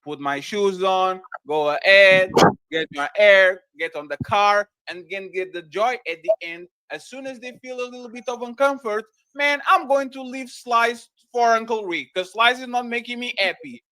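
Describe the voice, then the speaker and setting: A man moderating a panel discussion, talking in animated, loud bursts. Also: sits high, moderate pace, clean tone, dry recording.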